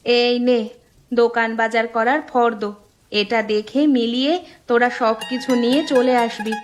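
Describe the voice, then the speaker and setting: A woman's voice: a little high, flat delivery, moderate pace, lightly acted. A woman voicing a bossy village housewife. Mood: scolding. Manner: scolding, bustling. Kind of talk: cartoon voice acting. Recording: cartoon soundtrack with loud music.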